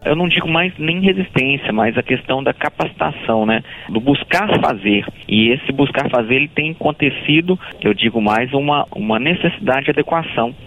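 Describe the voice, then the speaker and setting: A man's voice: mid-range voice, lively intonation, fairly quick, few pauses, faint music behind. A man with a Brazilian accent explaining things in interview answers as an agricultural advisor. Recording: tinny phone-like radio line.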